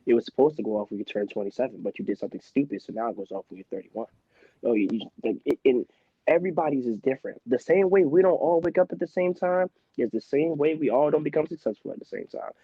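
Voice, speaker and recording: A young man in his twenties from Philadelphia, a guest in a casual interview, telling stories in an animated, emphatic way. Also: mid-range voice, fast talker, breathy edge, no room sound. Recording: slightly dull, muffled sound.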